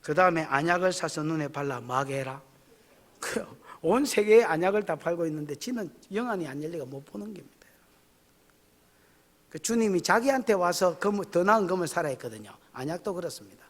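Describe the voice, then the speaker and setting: A man's voice: high-pitched, lively intonation, brisk. A male pastor preaching a folksy, emphatic sermon at a church service, often asking the congregation questions. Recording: echoey church hall.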